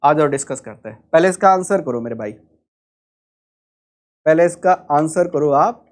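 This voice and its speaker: A man's voice: a little high, expressive, moderate pace. A man with an Indian accent teaching English vocabulary in an online exam-prep lecture, explaining step by step and asking the class rhetorical questions.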